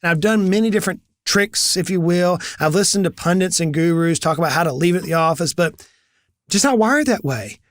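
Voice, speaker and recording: This man in his forties, a business coach who hosts his own channel, delivers an animated solo talk to camera. He tells stories with energy and performs the conversations he quotes, his high voice lively in intonation and a little fast. The sound is studio quality, without room sound.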